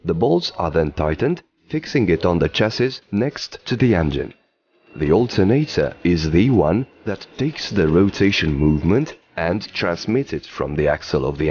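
A man giving scripted documentary narration in an even, explanatory delivery, recorded as a studio voice-over. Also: deep voice, highs cut off, a little hiss or hum.

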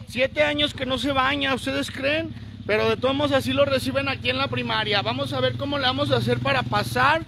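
A Mexican man vlogging at a primary school, joking playfully and calling out loudly. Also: very high voice, slight background noise. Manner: playful, teasing, calls out loudly. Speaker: vlogger delivering a birthday gift. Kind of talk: casual joking vlog chat. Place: outside and inside a primary school.

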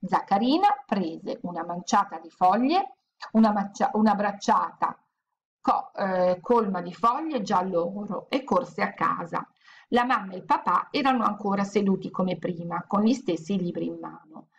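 A woman reading a children's storybook aloud with gentle, steady pacing. Her voice has a gravelly, creaky texture at a middle pitch. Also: normal speed, lo-fi sound, slight background noise. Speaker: audiobook reader.

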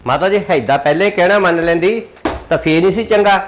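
A man's voice: high-pitched, fairly quick, a little hiss or hum, close to an everyday voice. A man with a Punjabi accent playing a son who lectures and warns his elderly mother. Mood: lecturing. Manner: lecturing, warning. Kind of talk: family drama acting.

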